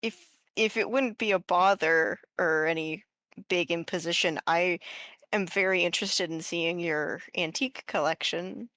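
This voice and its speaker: A woman's voice: lowish voice, measured pace, a bit bright, no room sound. A woman voicing an awkward, flustered, overly polite noblewoman who stammers hesitantly in a tabletop role-play. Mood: flustered, apologetic. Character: awkward, apologetic, flustered young noblewoman adventurer.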